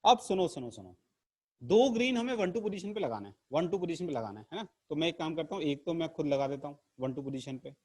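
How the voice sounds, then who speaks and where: A man's voice: a little high, animated, quick pace, darkish tone, husky. A man teaching an online chemistry lesson to camera in a playful, theatrical way, teasing his class. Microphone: camera mic.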